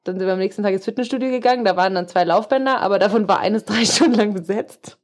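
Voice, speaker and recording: A woman's voice: medium pitch, quick pace. A woman from Germany co-hosting a podcast in casual chat, telling stories and laughing often. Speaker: podcast co-host. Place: hotel in the Austrian Alps.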